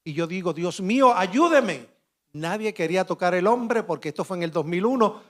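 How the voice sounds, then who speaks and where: A middle-aged man from Rico, speaking on a conference panel and telling a dramatic first-person story with animated delivery and acted-out dialogue. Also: sits high, fast. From Puerto Rico. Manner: vivid and animated, shouting out sound effects and acting out dialogue.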